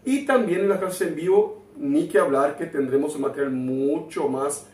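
A man teaching a recorded online language lesson, explaining slowly and checking in often with short questions to his students. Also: fairly high pitch, darkish tone, far from the mic. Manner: slow, deliberate explaining with frequent "¿tá?" check-ins. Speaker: Spanish teacher. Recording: roomy echo, voice away from mic.

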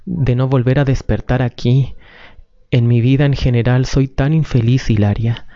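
A man's voice: medium pitch, fairly even intonation, normal speed, warm tone, dry recording, natural voice. A man reading the part of a frightened, unhappy man who anxiously begs his lover not to let go. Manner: anxious, imploring. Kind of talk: amateur script reading. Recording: dull lo-fi recording.

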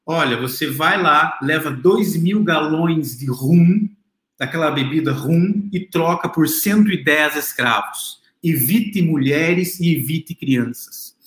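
Lecturer, male, slightly high voice, chatty and explanatory, roomy echo. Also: slow, a bit bright. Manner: explanatory, addresses the audience directly, many fillers and restarts. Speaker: literature lecturer. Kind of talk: classroom lecture.

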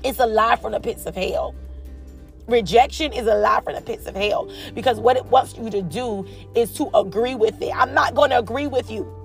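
A woman talks through her faith on her own podcast, her voice carrying a gravelly, creaky edge. She moves from soft, hesitant reflection to fervent, preacher-like declarations. Faint music plays softly under her voice. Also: a little high, moderate pace. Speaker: podcast host. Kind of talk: personal faith podcast monologue.

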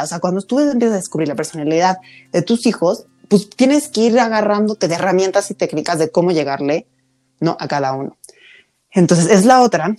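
A woman's voice: fairly low pitch, dark tone. A woman in her thirties with a Mexican accent, chatting casually about motherhood with many fillers. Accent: Mexican Spanish. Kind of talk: casual chat.

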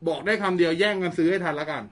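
Fast-talking male tech expert. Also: on the high side, fairly bright tone. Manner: explains specs plainly, chatty. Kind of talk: casual tech Q&A chat.

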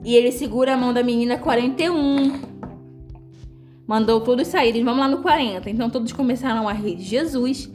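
A woman's voice: a little high, a little fast, faint music behind. A woman, casually talking through a Bible story and acting out the quotes playfully. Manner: playful, animated, acts out quotes. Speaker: co-host. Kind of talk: casual Bible study chat.

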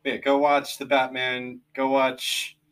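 Male co-host, casual podcast chat, laid-back, halting with frequent "um"s. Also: mid-range voice, completely flat delivery, fairly bright tone, clear, resonant tone. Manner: easygoing, many "um" pauses, recommends and plugs.

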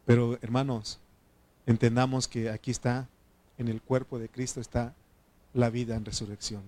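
A man's voice: medium pitch, flat delivery, moderate pace, a little mellow. A man preaching a sermon as pastor, fervently calling his listeners brother and putting questions to them. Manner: asks the congregation questions.

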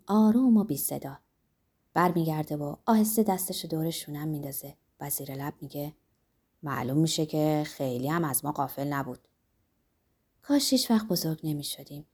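A woman reading a novel aloud as an audiobook, with a somewhat low voice. Her narration is calm and wistful, often dropping to a hush. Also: husky. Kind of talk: scripted narration.

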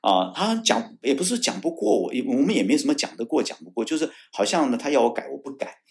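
A man's voice: mid-range voice, fast talker, vocal fry. A man from Taiwan, a former military judge advocate, tells a story in a casual interview. He acts out the dialogue he quotes, often restarts his words and repeats them. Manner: animated storyteller who acts out quoted dialogue, shouting the angry lines.

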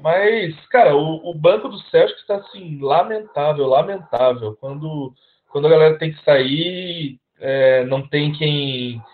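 A man co-hosting a casual sports podcast, halting and repeating words, with sarcastic remarks. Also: on the high side. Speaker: podcast co-host. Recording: tinny phone-like line.

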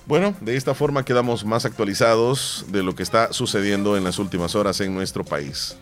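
A Salvadoran man with a low voice hosts a morning radio show. He reads the news and chats in a relaxed, conversational way, over a faint music bed. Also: fairly quick. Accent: Salvadoran Spanish. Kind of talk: reading news and casual chat.

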